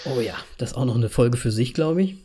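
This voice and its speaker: A man's voice: medium pitch, fast, mellow, husky. A man in his late thirties co-hosting a podcast in casual chat, talking in a rambling, chatty way and laughing often. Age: 30s. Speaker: podcast co-host.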